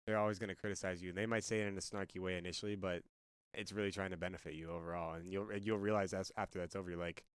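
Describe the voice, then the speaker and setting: Young guy doing a chill interview, clear voice, dry sound. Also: low voice, racing, no room sound. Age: young adult. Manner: relaxed and friendly, loose phrasing. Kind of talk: casual interview.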